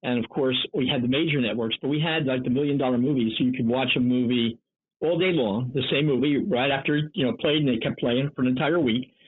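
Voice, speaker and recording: Guest: man, seventies, from North Jersey, lively storyteller, husky voice on a tinny phone line. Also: medium pitch, quick pace. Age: 70s. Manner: energetic, chatty storyteller. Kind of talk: interview conversation.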